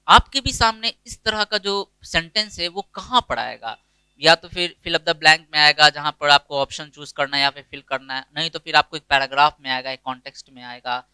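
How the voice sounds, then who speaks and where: A male teacher with an Indian English accent, working through a grammar lesson in Hindi and asking questions only to answer them himself. His voice is very bright and crisp and sits a little high. The sound is dry and close, with no room around it. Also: normal speed, dry recording, poor audio. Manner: explains step by step, asks and answers his own questions. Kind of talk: online classroom lecture.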